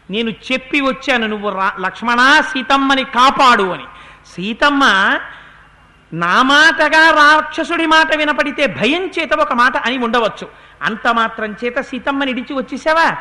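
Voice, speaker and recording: A man's voice: very high-pitched, bright, forceful tone, full character voice. A man voicing a grieving prince who pleads with animals, trees and a river to tell him where his wife is. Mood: reproachful. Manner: pleading, lamenting questions.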